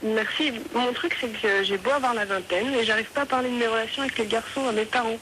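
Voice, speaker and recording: A woman's voice: a little high, fast talker, a bit bright. A nineteen-year-old woman calling a radio show, talking hesitantly about a personal problem. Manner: hesitant, trailing off with fillers. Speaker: caller. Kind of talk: phone-in chat. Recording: phone line on air with noise.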